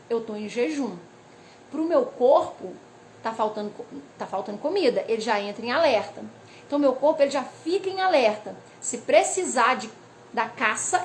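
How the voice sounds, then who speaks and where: Hormones are the topic as a lively, high-voiced woman gives a casual explanatory talk to camera. A weight-loss educator, she works from notes and frequently adds "né?" and "tá?" asides, with a faint background hum of noise.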